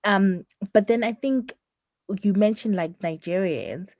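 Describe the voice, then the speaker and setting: This podcast co-host from Zimbabwe has a medium-pitched, slightly mellow voice and talks a little slowly. She chats in a lively, casual way, frequently laughing and tagging "right?" onto her points. The audio is dull but free of echo.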